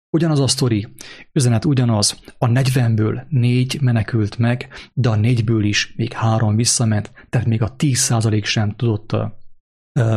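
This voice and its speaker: A man's voice: mid-range voice, a little mellow. A man preaching a sermon and driving his points home with repetition and hesitant fillers. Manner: emphatic, repeating points, fillers. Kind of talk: sermon with story reading.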